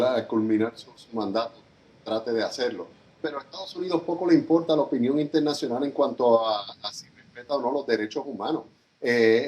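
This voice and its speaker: A man's voice: medium pitch, darkish tone. A man giving answers as an international analyst in a news interview, critical and hesitant, with many fillers and repeated words.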